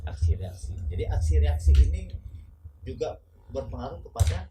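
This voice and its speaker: A man's voice: fairly high pitch, sing-song, normal speed. A man with an Indonesian accent, a traffic police officer explaining traffic rules in a podcast, who often ends points with tag questions.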